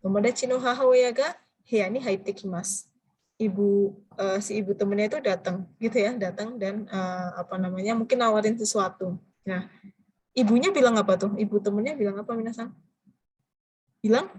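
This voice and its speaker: A woman teaching a language class, explaining phrases and quizzing her students with drawn-out prompting questions. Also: medium pitch, darkish tone, breathy edge, low-quality recording. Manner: switches between explaining and drilling phrases. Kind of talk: interactive classroom lecture.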